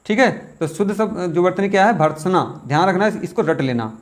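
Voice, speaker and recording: A man's voice: sits high, expressive. Man explaining Hindi test answers. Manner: explains aloud, repeats words slowly, thinks aloud. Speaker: Hindi exam teacher. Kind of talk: test question walkthrough.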